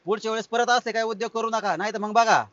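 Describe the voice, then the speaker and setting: A man's voice: sits high, steady tone, fast talker, fairly bright tone, dry recording. An actor playing a man who lectures youngsters, asking them to agree. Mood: stern. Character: preachy grown man scolding youngsters. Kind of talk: comic web film acting. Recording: dull, dry film sound.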